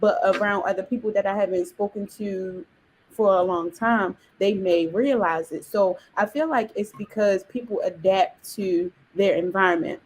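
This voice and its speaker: A young woman hosting a casual panel discussion, relaxed and chatty, asking questions. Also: medium pitch, moderate pace, slight background noise, rough recording. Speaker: discussion host.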